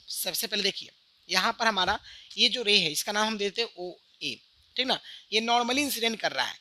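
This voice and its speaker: Bright-voiced man teaching physics. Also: high-pitched. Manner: keeps asking "right?" and speaks to the students directly. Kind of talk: explaining a diagram on an online lesson.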